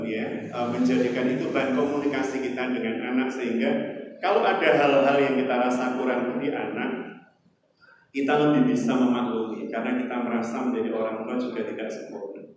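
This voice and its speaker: A middle-aged man with a Javanese accent, preaching a sermon in a lively storytelling way, with some humor. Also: mid-range voice, slight background noise. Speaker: Islamic preacher. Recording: echoey hall, voice from far off.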